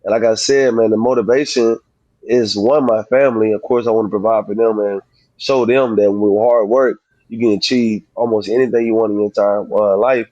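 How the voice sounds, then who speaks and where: A man's voice: fairly low pitch, fairly even intonation, fairly quick, a little mellow, no echo, dull audio. Male boxer, thirties, slangy interview chat. Slurred, slushy sibilants; very dry sound. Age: 30s. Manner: informal, slangy, frequently saying "man". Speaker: professional boxer, interview guest.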